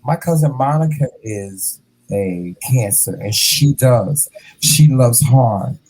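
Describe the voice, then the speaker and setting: A man in his fifties hosting a casual interview, animated and playful, calling his guest "child" and "honey". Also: mid-range voice, slow pace, breathy edge, low-quality recording. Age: 50s. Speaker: host.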